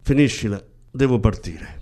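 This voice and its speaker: A man's voice: lively intonation, normal speed, a little mellow, close to an everyday voice. A man doing a weary resigned lover. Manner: tired, resigned, low-key.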